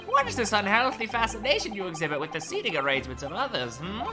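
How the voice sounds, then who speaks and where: Brief: man playing a pompous old gent, high and sharp, swoops around, over game music. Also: huge pitch swings, fast. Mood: indignant. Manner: florid, indignant speech.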